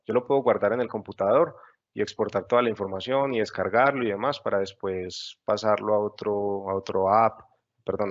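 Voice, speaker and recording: A software instructor with a gravelly, low voice leads a screen-share webinar tutorial, explaining patiently step by step with frequent fillers. The high frequencies in the audio are cut off.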